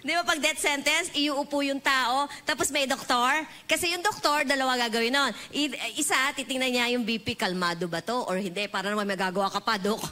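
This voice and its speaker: A woman preacher with a Filipino accent giving a lively sermon in a church, mixing English and Filipino and leading the congregation in prayer. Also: sits high, brisk, few pauses. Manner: animated, leads the congregation in call-and-response prayer. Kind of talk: bilingual sermon. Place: church hall.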